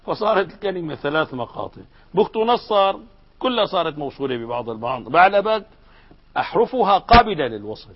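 A grammar teacher explains in a fairly high voice that swings up and down, regularly asking his students questions in a lively classroom style. The recording sounds dull and lo-fi.

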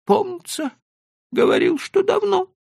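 A man voicing a timid, anxious male horse trader in a high, whining, pleading voice for an audiobook. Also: unhurried, vocal fry, a little mellow, no echo, clean studio sound, heavily acted. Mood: fretful. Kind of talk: audiobook character voice.

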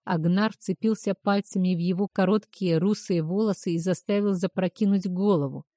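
A woman's voice: on the low side, normal speed, mellow, no room sound, clean studio sound. A woman narrating a first-person story expressively, rising on anxious questions. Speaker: audiobook narrator.

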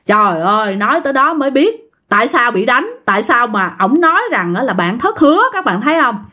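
A woman narrates a family ghost story in a chatty, direct way. Her voice sits notably high, with a loose, conversational rhythm and frequent asides to listeners. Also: big pitch swings, a little fast, sharp tone.

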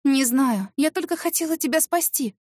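A woman voicing a flustered, defensive young secretary who pleads and exclaims in a high, shrill voice. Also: animated, normal speed, a little mellow, no room sound, clean studio sound. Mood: agitated, pleading.

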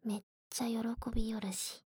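A woman in an ASMR role-play of intimate pillow talk, very breathy and soft, teasing and coaxing with touches of baby talk. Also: on the high side, flat delivery, moderate pace, no echo, clean studio sound.

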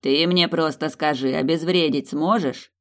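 A reader voicing a proud male high demon, a vain genius who sounds indignant and pompous. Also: fairly even intonation, unhurried, fairly bright tone.

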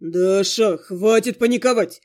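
A woman doing a gruff low ghost monster. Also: a little slow, a little mellow, lightly acted. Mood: gruff, soothing. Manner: gruff, curt, then soothing. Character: grumpy male ghost monster in a mirror.

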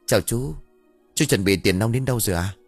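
A man's voice: lowish voice, a little fast, slightly rough, faint music behind. A man voicing a young man, a blunt and bossy elder brother with a scheming streak. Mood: brusque.

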